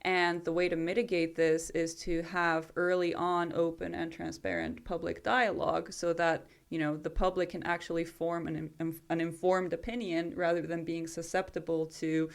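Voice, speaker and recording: A woman guest researcher explaining findings in a measured, explanatory way, often adding "you know". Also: on the low side, flat delivery, gravelly.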